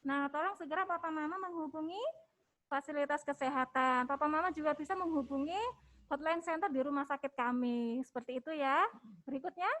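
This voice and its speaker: High-pitched woman with indonesian accent talking parents through tips, gentle and coaxing. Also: fairly quick. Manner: gentle, coaxing, ends phrases with "ya". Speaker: hospital health educator. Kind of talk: webinar talk for parents.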